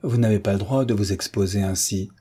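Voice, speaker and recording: A man's voice: on the low side, brisk, warm tone, slightly rough. A man reading a cheerful wounded captain. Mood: earnest. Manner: familiar yet respectful. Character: wounded young army captain, cheerful and bold.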